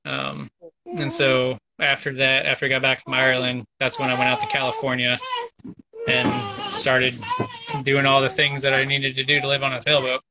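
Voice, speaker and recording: A man's voice: medium pitch, lively intonation, normal speed, noisy background. A man in his thirties, a guest on a casual interview, telling a story in an easygoing, rambling way. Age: 30s. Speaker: sailing vlogger guest. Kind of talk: casual chat.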